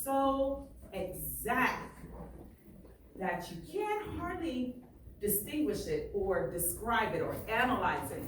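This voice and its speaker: Reading to her pupils, this teacher speaks slowly in a voice on the high side, her pitch swinging widely as she puts emphasis on the story and stops to ask the class questions. A distant mic picks her up in a classroom full of echo, with a little background noise.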